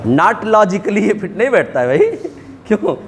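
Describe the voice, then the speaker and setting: A man's voice: sits high, big pitch swings, a little slow, slight background noise. A middle-aged man teaching accounting in a classroom, mixing English terms into his talk and checking in with his students. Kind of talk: classroom lecture.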